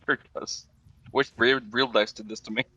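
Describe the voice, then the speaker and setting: A man's voice: medium pitch, fairly even intonation, normal speed, pushed and bright, breathy edge, no room sound, lo-fi sound. A man playing a tabletop game over an online call, hesitant and full of fillers. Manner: hesitant, filler-heavy, sheepish. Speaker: player. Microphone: online call microphone.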